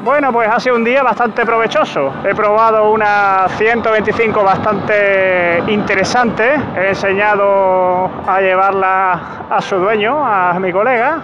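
A motovlogger rides a motorcycle through city streets while reviewing it, chatting casually and joking at his own expense, laughing at himself along the way. His voice is high, his intonation fairly even, and he talks unhurriedly. The helmet camera mic gives the audio a dull sound.

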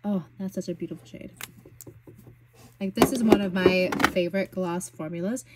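A young woman vlogging about beauty products in a casual, gushing, chatty way, full of fillers and excitement. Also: on the low side, normal speed, very noisy. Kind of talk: casual product swatching chat.

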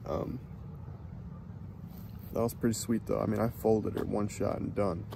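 A young man with a low, gravelly voice talks casually to an action camera clipped to his kayak, relaxed and drawling. The camera's mic sits out on an open lake, and loud wind noise pounds over his words. He pauses and speaks in short bursts. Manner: laid-back, drawling, talks between shots. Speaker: hunting vlogger. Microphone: action camera mounted on the kayak. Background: wind and water noise.

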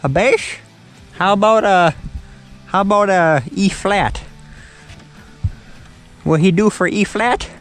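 A man with a Southern accent and a high voice hosts a fishing show from a boat on a lake, speaking slowly with long pauses and a fairly bright tone. Faint music plays behind his folksy, joking chat, and he calls his buddy "son".

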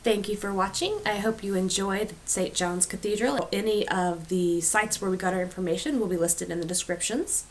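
A woman hosting a vlog, speaking to camera in a small indoor room with a measured, explanatory delivery. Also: medium pitch, a little hiss or hum, low-quality recording. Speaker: vlog host. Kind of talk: presenting to camera.

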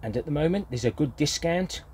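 A gardening vlogger, an older British grandfather, rambles hesitantly through a casual, unscripted product review. His voice is on the high side and darkish in tone, expressive and fairly quick, with a little hiss or hum in the background.

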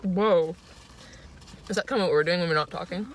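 A woman's voice: on the low side, moderate pace, a little hiss or hum. A young woman guest on her sister's casual mukbang chat, easygoing and giggly while she eats. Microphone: phone camera.

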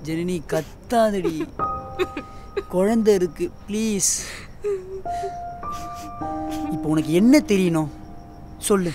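A man's voice: sits high, a little slow. A man plays a young husband who pleads with his pregnant wife and tries to soothe her. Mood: pleading, calming. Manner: pleading, soothing, repeats please. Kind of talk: Tamil web series drama, dubbed. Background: film score music.

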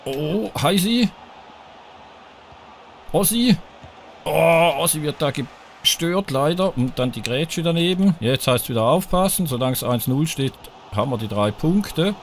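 A man's voice: a little high, animated, normal speed, slight background noise. A man commenting live on his own football video game, cheering and groaning at each chance and talking to his viewers. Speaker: gaming YouTuber playing a football video game. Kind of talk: live let's-play commentary.

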